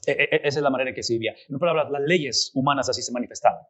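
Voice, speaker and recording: A man teaching a Bible class, lively and often asking his students rhetorical questions. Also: medium pitch, very fast, poor audio.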